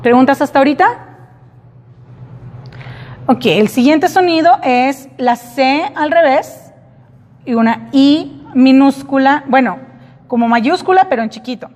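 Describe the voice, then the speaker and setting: Slow, echoey classroom teacher woman. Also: sits high, darkish tone. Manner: slow, repeats example words for the class. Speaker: English teacher. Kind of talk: classroom English lesson. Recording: reverberant classroom.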